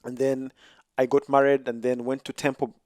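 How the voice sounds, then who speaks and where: A man in his thirties from Uganda speaks as a podcast guest. His voice sits in a middle pitch and is recorded dry, and he talks calmly and politely. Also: normal speed, no echo. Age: 30s. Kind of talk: casual interview.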